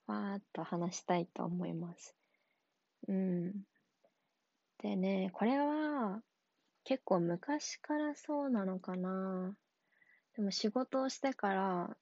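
A young adult woman talking casually on her own, relaxed and rambling, with many fillers and frequent laughs. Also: mid-range voice, creaky, no echo, highs cut off. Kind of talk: casual solo talk.

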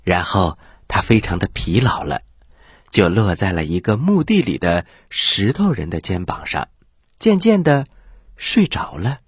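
Husky, very animated male storyteller. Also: low-pitched, unhurried, no room sound, studio quality. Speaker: children's storyteller, host. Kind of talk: animated story narration for children.

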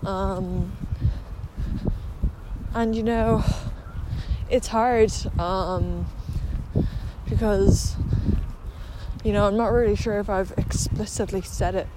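Woman podcaster, slow confessional delivery, slight retainer lisp, outdoor walking recording with traffic-like noise. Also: mid-range voice, steady tone. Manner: hesitant, candid, with mild swearing. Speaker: podcast host. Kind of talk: casual confessional monologue while walking. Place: outdoors, on a muddy walk.

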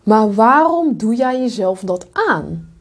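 Female podcast coach, slightly high voice, frank and blunt, casual swearing. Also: sing-song, slow. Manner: frank, blunt, uses swear words and English asides. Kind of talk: direct motivational monologue.

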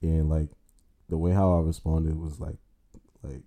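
A man's voice: extremely low pitch, little pitch movement, unhurried, mellow. A man chatting casually in street slang as a guest on a podcast. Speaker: musician. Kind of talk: casual chat.

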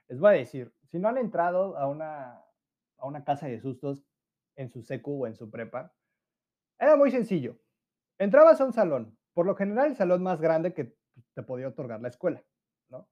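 A man's voice: fairly high pitch, muffled recording. A nineteen-year-old man with a Mexican accent, hosting a casual solo podcast, chatty and slangy, laughing often and acting out friends' voices. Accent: Mexican Spanish. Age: late teens. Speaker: podcast host.

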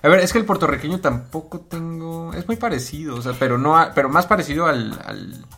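A man's voice: a little high, lively intonation, brisk, bright, forceful tone, breathy edge, faint music behind. A man who hosts a radio show and works in dubbing, chatting casually and asking teasing questions. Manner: teasing, asks playful questions. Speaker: radio show host, voice actor and narrator.

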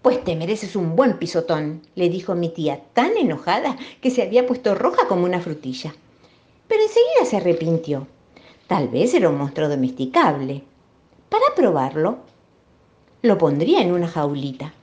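A woman with a Rioplatense accent reading a children's story, expressive and playful, asking the listener questions. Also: lowish voice, normal speed. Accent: Rioplatense Spanish. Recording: dull lo-fi recording.

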